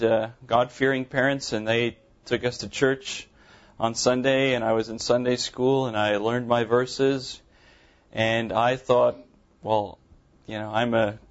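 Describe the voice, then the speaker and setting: In a church sanctuary, a man in his thirties from South Africa stands at the pulpit as a visiting pastor and gives a testimony to the congregation. He is an Afrikaans speaker with a mild Afrikaans accent in English, and he sounds earnest but halting, using many ums. His voice is medium-pitched and the sound is lo-fi.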